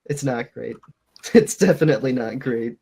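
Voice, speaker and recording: A man's voice: mid-range voice, moderate pace, gravelly, dark tone. Sarcastic swearing male podcast host. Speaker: podcast co-host and forum moderator. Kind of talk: casual podcast chat.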